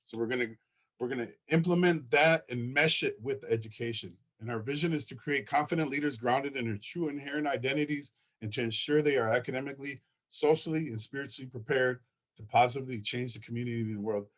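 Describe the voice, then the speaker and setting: A man presenting his school at a conference, earnest and excited, often repeating words as he talks through his slides. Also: mid-range voice, fast. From Ojibwe, from Minnesota.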